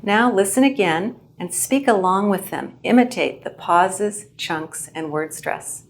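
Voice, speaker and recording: A woman instructor giving a clear, measured lesson on how to present well. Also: medium pitch, lively intonation. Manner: clear, measured teaching delivery. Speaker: English language instructor. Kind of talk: instructional video narration.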